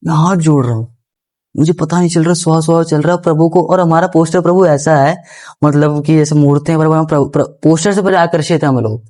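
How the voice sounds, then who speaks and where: A man's voice: on the high side, fairly quick, darkish tone. Earnest young man telling his story. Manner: earnest, respectful, often addresses the host as guruji; rambling, with restarts and repeated phrases. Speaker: podcast guest. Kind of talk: casual first-person storytelling.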